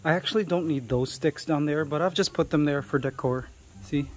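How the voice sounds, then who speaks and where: A man's voice: a little high, fairly quick. A middle-aged man from Canada in a casual vlog, chatting to viewers as he shows an outdoor animal enclosure. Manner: chatty, explaining to viewers while handling pets. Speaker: vlogger.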